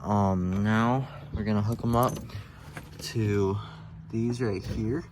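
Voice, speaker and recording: In and around a pickup truck, a man hosting an amateur video gives a casual, unpolished hands-on tutorial, thinking aloud as he works. His voice is lowish and steady, and he takes his time. The phone camera mic produces a noisy recording with vehicle noise and clicks.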